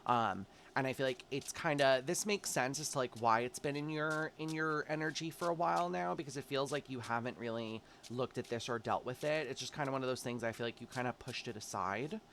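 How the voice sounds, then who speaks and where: Talking fairly quickly with hardly any pauses, a male tarot reader runs through a casual monthly forecast, addressing viewers directly in a warm, chatty way. His mid-range voice is stuffy from allergies, and there's a little hiss or hum.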